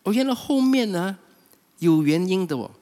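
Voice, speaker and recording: A man preaching a sermon, animated storytelling with many fillers, acting out quotes. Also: high-pitched, normal speed. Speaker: pastor. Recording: reverberant hall.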